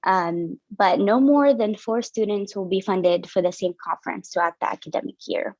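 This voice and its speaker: In a relaxed presentation over a video call, a young Syrian woman who handles student finance explains funding policies, leaning on many fillers. Her medium-pitched voice is slightly mellow and moves at a normal pace, captured in a dry, dull lo-fi recording.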